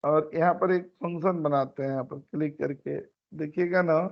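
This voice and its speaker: High, gravelly male instructor. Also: fairly even intonation, normal speed. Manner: explains step by step, repeats phrases. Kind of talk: online class lecture. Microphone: computer mic on a video call. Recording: dull lo-fi meeting recording.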